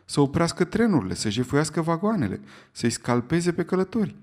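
A man voicing an excitable, easily offended English club gentleman who speaks in a raised, exclamatory way in an audiobook reading. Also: fairly high pitch, pitched above the performer's own voice. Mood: exclaiming.

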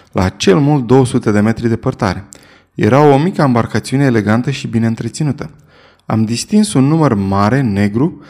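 A man reading a story aloud in the first person, with measured, steady storytelling. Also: mid-range voice. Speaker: narrator. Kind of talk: scripted first-person narration.

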